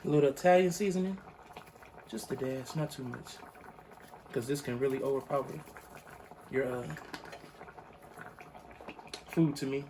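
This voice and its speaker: Speaking in a warm, mid-range voice at a measured pace with frequent pauses, this cooking channel host still sounds half asleep with his morning voice. The young man chats easily to viewers, addressing them as y'all, while demonstrating a casual recipe in his living room with a pot on a hot plate. The recording is rough, with a slight hiss or hum.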